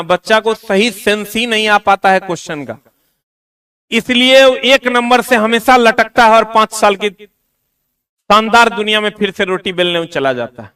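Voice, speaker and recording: Bright-voiced teacher teasing his class. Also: high voice, clean tone. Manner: teasing, scolding students in Bihari-tinged Hindi slang. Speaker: exam coaching teacher. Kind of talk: classroom lecture. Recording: voice from a distance.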